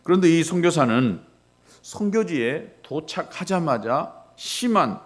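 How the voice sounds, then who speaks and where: A middle-aged male pastor preaching a sermon, swinging between loud rises and quiet drops. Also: big pitch swings, measured pace. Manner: preaching with dramatic rises and drops in pitch and volume.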